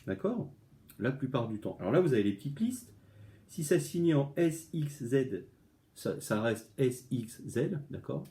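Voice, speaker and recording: Teaching spelling to a class from home, a middle-aged man with a French accent speaks at a moderate pace in a sing-song, mid-range voice with a dark tone. He chats freely, with lots of fillers and restarts, sounding out words as he goes.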